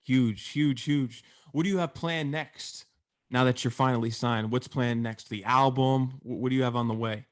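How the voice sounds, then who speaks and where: A man's voice: medium pitch, fairly even intonation, moderate pace. A man hosting a hip-hop interview show, asking questions with enthusiastic praise. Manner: enthusiastic, complimentary. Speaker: interview host, DJ.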